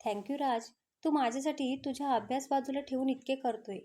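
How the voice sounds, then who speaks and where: A spirited young female student speaks her mind openly, as a woman storyteller reads her lines. The voice sits high and lively. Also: normal speed, lightly acted.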